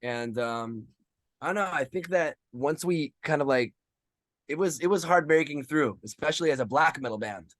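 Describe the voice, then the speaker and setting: A man's voice: on the high side, expressive, moderate pace, a bit bright, dry recording. Thirtyish guy from israel, rambly, lots of ums, dry close sound. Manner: rambling, many ums and restarts. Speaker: guest musician. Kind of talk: casual interview answers.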